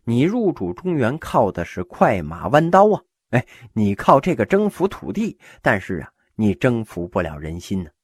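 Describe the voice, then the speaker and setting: Man, humorous history storyteller, animated, wildly varied pitch, husky voice. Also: moderate pace, few pauses, no room sound, clean studio sound. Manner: animated, acts out characters.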